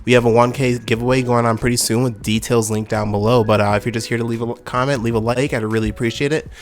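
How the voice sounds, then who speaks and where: A young man running a card game channel gives fast, upbeat, casual gamer commentary on his gameplay. His mid-range voice has fairly even intonation and sounds slightly nasal from a summer cold.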